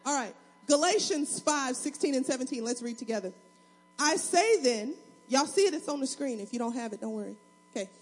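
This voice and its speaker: A woman pastor with a Southern US accent, preaching a fast, excitable sermon with call-and-response to her congregation. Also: high-pitched, husky. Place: church sanctuary. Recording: long hall reverb.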